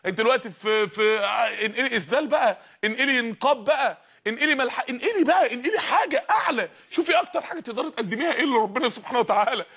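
A man's voice: very high voice, expressive, very fast, fairly bright tone, slightly rough. A man preaching with an Egyptian Arabic accent, fervent and emphatic, raising his voice at times. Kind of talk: energetic religious lesson.

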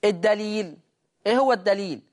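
A teacher with an Egyptian Arabic accent gives a classroom lesson on recitation rules. The teacher asks the class questions, answers them, and chants quoted verse lines slowly. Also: medium pitch, a little mellow.

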